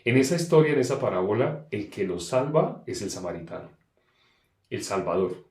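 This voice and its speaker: A man preaching a sermon, emphatic, asking questions and answering them himself, swinging between loud and soft. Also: lowish voice, sing-song, normal speed, echoey room.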